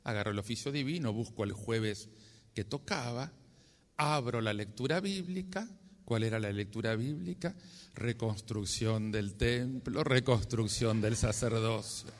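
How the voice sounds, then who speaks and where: A man's voice: medium pitch, measured pace. A man with a Rioplatense Spanish accent, a friar telling a story in a sermon, acting out his own inner dialogue with sudden exclamations. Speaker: Franciscan friar preaching. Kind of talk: storytelling sermon talk at a congress. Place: large congress hall. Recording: long hall reverb.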